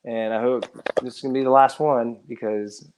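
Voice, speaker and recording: A man who is a musician, a guest on a live stream, talking in a rambling, halting way with many restarts and trailing phrases. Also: medium pitch, fairly even intonation, a little mellow, slight background noise. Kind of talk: casual live stream chat. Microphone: live stream setup.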